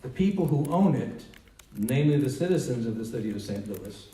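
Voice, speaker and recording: Delivering a prepared statement at an indoor town hall meeting, a male spokesman, the congressman's communications director, speaks formally at medium pitch. He sounds expressive, brisk and mellow, recorded on a distant mic in an echoey, roomy hall with faint noise.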